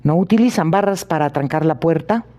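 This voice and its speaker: In an audiobook, a man reads a polite, sharp, precise detective who asks questions evenly and calmly probes, weighing every detail. His slightly high voice is mellow and warm, and the acting is light.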